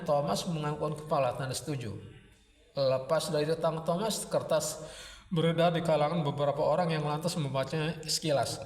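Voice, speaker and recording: A man narrating a dramatic serial story with vivid, rhythmic phrasing, recorded at a distance in an echoey room. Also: on the high side.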